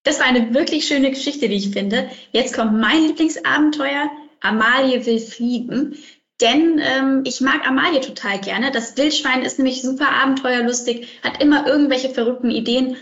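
A woman's voice: sits high, moderate pace, a bit bright. Chatty woman, roomy dull recording. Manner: chatty, enthusiastic, with fillers. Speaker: audiobook presenter. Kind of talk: casual introduction.

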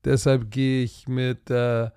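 A tired man talking football picks in a casual podcast chat, animated and full of vivid trash talk. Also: medium pitch, slow pace, smooth, no echo, clean studio sound. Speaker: podcast co-host.

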